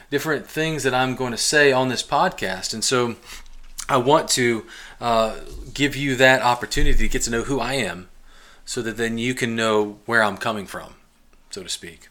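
Male podcaster in his forties with a bright voice and a rambling, restart-heavy manner. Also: mid-range voice. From Ohio and Kentucky, US. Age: 40s. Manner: rambling, many restarts and fillers, chuckles often. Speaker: podcast host. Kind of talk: casual personal monologue.

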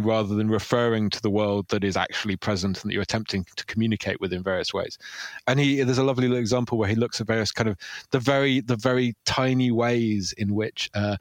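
Thoughtful low-voiced man, dry sound. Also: no room sound. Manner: thoughtful, hesitant, many fillers and restarts. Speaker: author guest. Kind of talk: casual intellectual conversation.

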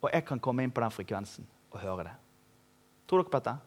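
A man preaching a sermon in a church, energetic and humorous, rising to emphatic peaks. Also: medium pitch. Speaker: pastor. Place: church hall.

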